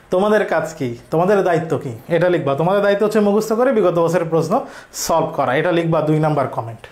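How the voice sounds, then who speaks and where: A male teacher with a Bangladeshi accent giving an online grammar lesson, asking questions and answering them himself, repeating key points. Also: high-pitched. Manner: repetitive, drilling.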